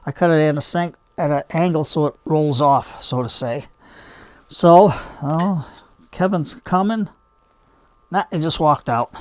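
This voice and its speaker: Older man, higher-pitched homespun chatter. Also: unhurried, darkish tone, dry recording. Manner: chatty, homespun, rambling asides. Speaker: bonsai hobby video host. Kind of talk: casual hands-on demonstration.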